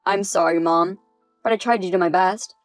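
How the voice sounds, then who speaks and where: A woman's voice: lowish voice, moderate pace, dry recording, soft background music, lightly acted. Woman's voice as a desperate grown son in a text story, apologetic begging, dry close sound. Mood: pleading. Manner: pleading, apologetic. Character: indebted adult son begging his mother. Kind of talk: text-message story reading.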